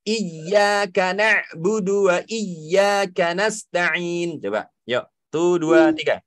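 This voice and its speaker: A man's voice: high-pitched, extremely slow, a bit bright, no echo. A young man teaching children, enunciating carefully, playful and encouraging. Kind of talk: children's lesson.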